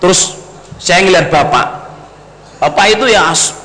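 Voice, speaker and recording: Bright-voiced preacher man. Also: high voice, measured pace. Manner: addresses the congregation as brothers and sisters, mixes in Javanese. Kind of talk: storytelling sermon. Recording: long hall reverb, faint noise.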